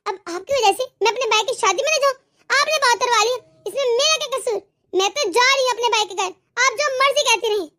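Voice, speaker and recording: A selfish, defiant young daughter-in-law in a cartoon, played by a woman. She talks sharply and dismissively in a very high voice. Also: fast, sharp tone. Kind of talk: cartoon voice acting.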